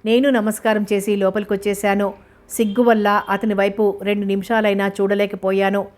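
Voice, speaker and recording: A woman reads a novel aloud in a steady, even manner. Her pitch sits in a middle register. It barely rises or falls from line to line. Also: moderate pace. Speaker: narrator. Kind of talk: novel reading.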